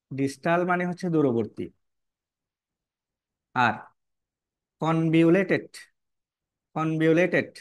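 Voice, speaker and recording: Male biology tutor, a bit high-pitched, dry close recording. Repeats terms, quizzes students as he draws. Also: dry recording. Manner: repetitive, checks in with "কেমন?" and rhetorical questions. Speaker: biology teacher. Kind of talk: online lesson, explaining while drawing.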